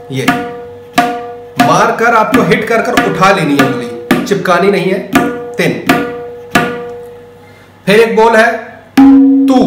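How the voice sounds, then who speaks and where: A man teaching tabla in a casual lesson, speaking the drum syllables aloud as he plays them. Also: high voice. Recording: echoey room with loud tabla.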